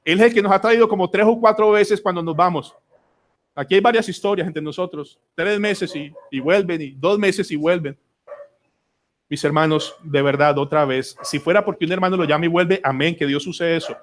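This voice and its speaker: Colombian male pastor, fairly high voice, earnest church sermon. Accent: Colombian Spanish. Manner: earnest preaching with dramatic pauses and repetition. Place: church sanctuary.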